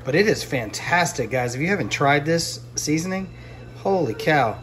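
Slight background noise accompanies a fishing vlogger in his forties as he cooks fish at home, filmed on a handheld phone. His voice is a little high and his pace moderate, and he chats in a relaxed manner while cooking.

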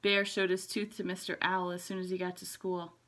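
A woman, a pre-K teacher, reading a picture book aloud to children, explaining the pictures gently. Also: lowish voice, flat delivery, fairly quick.

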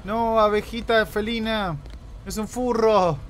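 A man's voice: sits high, steady tone, slow pace, slight background noise. A man with an Argentine accent giving jokey let's play commentary, yelping and screaming in panic as he plays. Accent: Argentine Spanish. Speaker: gaming YouTuber. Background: background music.

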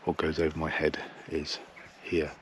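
A middle-aged man with an English accent talks through his setup in a chatty, matter-of-fact way. His voice sits low and stays flat. He is outdoors with the camera at arm's length, faint birdsong and insects behind him. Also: normal speed, slight background noise. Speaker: wildlife photographer. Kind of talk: casual outdoor vlog narration. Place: outdoors in a field by trees.

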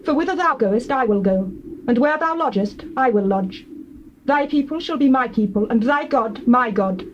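An actress playing a devoted, steadfast young widow with earnest, measured delivery in a Bible audio drama. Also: female voice, a little high, expressive, lightly acted. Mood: earnest devotion. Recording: muffled hissy old cassette tape.

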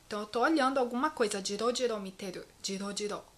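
A Brazilian woman giving a casual language lesson, acting out each sound word with playful, expressive repetition. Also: mid-range voice, fast. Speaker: Japanese language teacher and vlogger. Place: her home in Japan.

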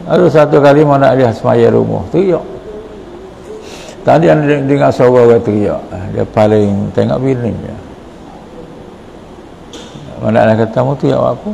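A man's voice: mid-range voice, unhurried, gravelly, pauses often, warm tone, a little hiss or hum, rough recording. A man preaching a morning sermon in a Patani Malay accent, telling stories and quoting prayers and dialogue. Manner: storytelling, quotes prayers and dialogue. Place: mosque hall.

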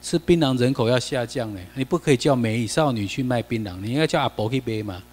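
A man's voice: medium pitch, fast talker, darkish tone. Taiwanese-accented man lecturing in a reverberant hall. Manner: chatty, mixes in Taiwanese Hokkien, asks the class questions. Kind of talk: classroom lecture over slides.

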